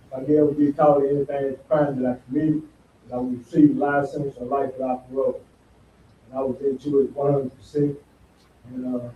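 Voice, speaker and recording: Man, 50s, recovery testimony, halting with fillers, echoey room, distant from mic. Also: medium pitch, muffled recording, slight background noise. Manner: plain, halting, repeats himself with many "uh"s. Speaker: recovery house resident. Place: recovery house meeting room.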